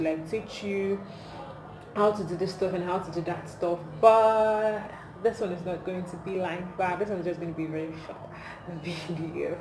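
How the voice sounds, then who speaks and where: Nigerian lady vlogging on her phone, lowish voice, amused n emphatic, echoey noisy room. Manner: amused, animated, emphatic with rhetorical questions. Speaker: video creator. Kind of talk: casual comedic vlog chat. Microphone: phone camera. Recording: echoey room, clear background noise, phone recording.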